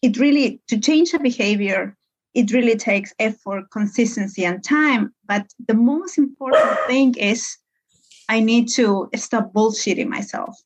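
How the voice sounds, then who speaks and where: A woman's voice: fairly high pitch, measured pace. A woman from Peru, a guest in a podcast interview who chats freely with fillers. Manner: chatty, many fillers and laughs. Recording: dull lo-fi sound.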